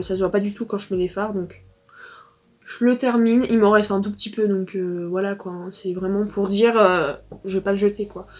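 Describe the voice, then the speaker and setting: Teen girl from france rambling thru a makeup review, lots of ums, soft music behind. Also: medium pitch. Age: teens. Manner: chatty, rambling with fillers and restarts. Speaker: beauty vlogger.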